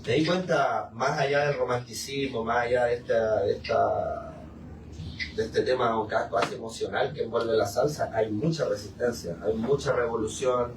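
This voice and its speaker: Guiding a group talk, this male musician reflects aloud and returns to phrases to stress them. He speaks at normal speed in a mid-range voice with fairly even intonation, captured from a distance in an echoey room with noticeable noise.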